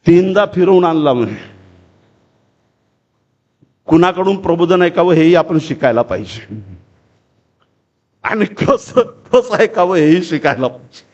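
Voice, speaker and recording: A man giving an animated public speech to a crowd of friends, weaving in stories. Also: on the high side, measured pace, pauses often, lo-fi sound. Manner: animated, addresses audience as friends. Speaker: public speaker.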